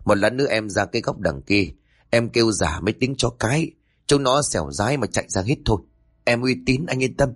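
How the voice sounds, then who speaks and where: A man's voice: mid-range voice, expressive, fairly quick, no room sound, clean studio sound, lightly acted. A man voicing a boastful young male thug in a spoken horror story, cocky and mocking.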